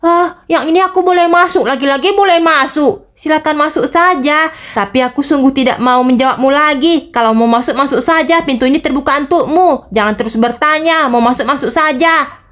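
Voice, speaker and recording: A woman's voice: sits high, fairly quick, fairly bright tone. Woman doing a stern scolding angel. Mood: exasperated. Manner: scolding, exasperated. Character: stern impatient angel guarding a door.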